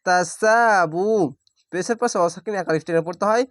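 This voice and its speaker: A man teaching Quran reading, spelling out each syllable plainly and drawing out the recited words slowly. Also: high voice, fairly bright tone, no room sound, studio quality.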